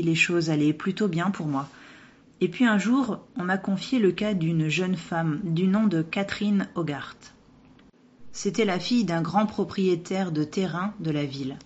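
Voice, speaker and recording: A woman voicing the ghost of a young male doctor who tells his past in a calm, gentle way. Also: fairly low pitch, breathy edge. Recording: dull lo-fi recording.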